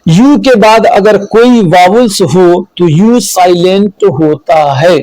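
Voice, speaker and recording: A man teaching English spelling rules, slow and deliberate, repeating each rule and listing examples. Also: sits high, a little mellow, no echo, rough recording. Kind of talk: spelling lesson explained in Hindi.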